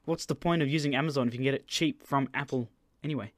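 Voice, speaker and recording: A man hosting a podcast, chatting casually with friends, animated and full of swearing. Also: medium pitch, quick pace, no echo, studio quality. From Australia. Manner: animated, sweary, loud outbursts. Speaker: podcast host.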